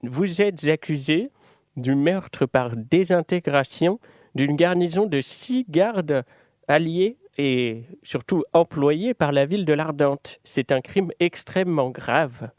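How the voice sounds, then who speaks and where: A man's voice: a little high, animated, takes it slowly, a little mellow, no room sound, clean studio sound, voice pushed up. A man voicing a portly judge in his fifties in a tabletop game, formal and theatrical in delivery. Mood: formal, stern.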